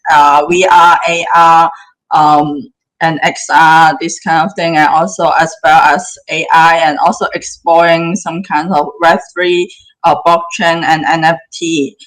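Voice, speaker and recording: A woman in her thirties from southern China, a native Cantonese speaker and guest filmmaker, speaks in a casual interview, haltingly and with frequent restarts. Her deep voice is fairly bright with little pitch movement, and the audio is poor.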